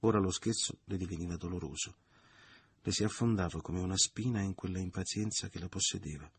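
A man narrating a novel in a measured, literary audiobook reading. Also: deep voice, slight background noise.

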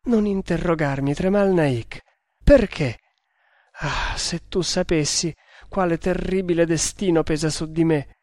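A man puts on a frightened young woman who pleads and warns in a trembling, breaking voice. She sits a little high and lifts sharply in her despair. The reading is dry and close. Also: a little slow, darkish tone, no room sound, lightly acted. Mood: fearful warning. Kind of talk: audiobook reading.

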